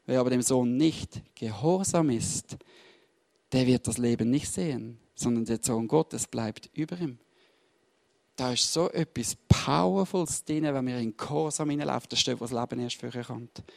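A man's voice: mid-range voice, normal speed, gravelly, darkish tone. A man preaching and teaching from the Bible, emphatic and repeating his key words while speaking straight to his listeners. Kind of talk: fervent sermon with Bible reading.

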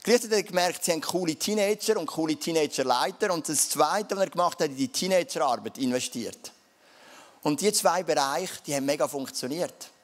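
A man's voice: a little high, a little fast. A man with a Swiss German accent preaching a sermon in a casual, conversational way, often adding dialect fillers. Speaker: pastor.

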